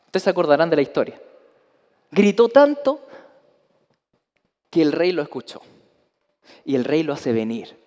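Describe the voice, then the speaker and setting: A man preaches a sermon, his voice pitched high above most men's. He drives his points with emphasis and strings of rhetorical questions. The sound carries a long reverb, as if filling a large hall. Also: very animated, normal speed, pauses often, darkish tone. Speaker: pastor.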